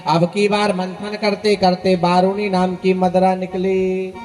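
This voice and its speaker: A man's voice: high-pitched, completely flat delivery, slow, a little mellow, in a large hall, soft background music. A male preacher telling folksy stories to his listeners in a sermon, speaking to them directly and leading call-and-response. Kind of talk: sermon storytelling.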